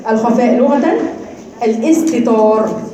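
A woman with an Egyptian Arabic accent teaching a live class, explaining quickly and quizzing her students. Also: a little high, noisy background. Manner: explains then demonstrates sounds slowly, quizzing students. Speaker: Quran recitation teacher. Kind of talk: live class lecture on tajweed. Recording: very echoey room with people around.

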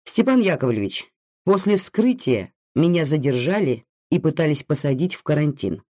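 A reader voicing a firm, measured male doctor, recorded dry and close. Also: medium pitch, sing-song, darkish tone, no room sound.

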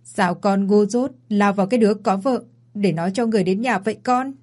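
A woman's voice: medium pitch, a little fast, darkish tone, close to an everyday voice. A woman voicing a weak, dying older mother in a story reading, by turns stern and pleading. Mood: scolding.

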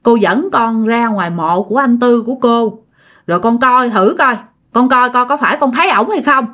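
A woman's voice: on the high side, normal speed, a bit bright, close to an everyday voice. A woman with a Southern Vietnamese accent voicing a middle-aged neighbor woman in a spoken ghost story. The neighbor is insistent and emphatic. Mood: earnest.

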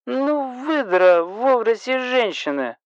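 A man voicing a drunk, hiccuping woman who calls the police, shrill, bossy and slurring. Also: big pitch swings, takes it slowly, dry recording, muffled recording, heavily acted. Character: drunk, hiccuping, rude middle-aged woman caller.

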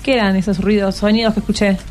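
Soft music plays beneath this Rioplatense Argentine radio host as she chats with schoolchildren, full of encouragement and questions. Her medium-pitched, darkish voice keeps a level tone and a quick pace.

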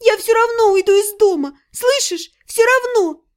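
A woman voicing a rebellious teenage younger sister who whines and cries as she argues. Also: moderate pace. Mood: tearful. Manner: crying, whiny, shrill.

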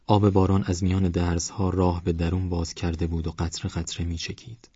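A man calmly reading a novel aloud as an audiobook narrator, in an even storytelling manner. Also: deep voice, breathy edge, no room sound. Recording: dry, slightly dull recording.

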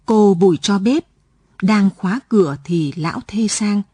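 A woman reading a story aloud as scripted late-night narration, in a calm, even manner. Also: mid-range voice, a little slow, slightly rough, dry recording. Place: radio studio.

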